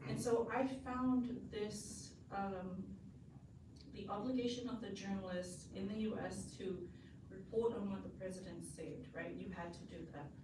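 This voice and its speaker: Samoan woman, audience question, measured delivery, echoey far-off hall with room noise. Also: medium pitch, fairly even intonation. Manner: thoughtful, measured, many fillers. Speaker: audience member asking a question. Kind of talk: panel audience comment. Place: conference hall. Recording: roomy hall audio from afar, noisy.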